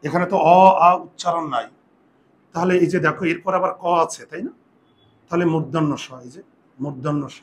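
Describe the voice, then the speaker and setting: A man with a fairly high voice teaches a classroom grammar lesson, spelling out rules slowly and deliberately. He keeps turning to his students with short questions and tells them what to write down. Faint background noise runs under the recording. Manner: slow, deliberate dictation with repeated questions to students.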